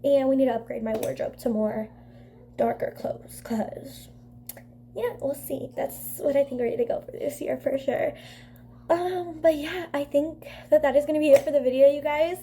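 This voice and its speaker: A woman's voice: high voice, fairly even intonation, normal speed, dark tone, a little hiss or hum. A young woman with a stuffy, congested voice chatting casually through a makeup vlog, rambling with constant fillers. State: congested from a cold. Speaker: beauty vlogger.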